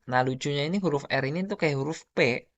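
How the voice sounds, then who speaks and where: A man's voice: fairly high pitch, quick pace, no room sound, dull audio. A man with an Indonesian accent giving a casual spoken lesson, explaining patiently with lots of example words. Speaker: language teacher.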